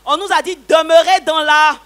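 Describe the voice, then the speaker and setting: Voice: very high voice, steady tone, normal speed, a bit bright. A church service leader guiding the testimony, calling out amen and hallelujah in response.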